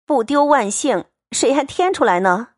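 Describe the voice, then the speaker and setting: A woman's voice: high-pitched, lively intonation, moderate pace, no room sound, studio quality, voice pushed up. A woman doing a teasing young maid. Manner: teasing, playful. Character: clever teasing young maidservant, sharp-tongued.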